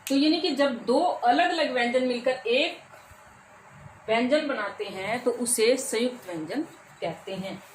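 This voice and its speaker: A woman's voice: a little high, measured pace. A woman teaching a grammar lesson, who asks her students questions and answers them herself, repeating the key terms. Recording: echoey room with faint ambient noise.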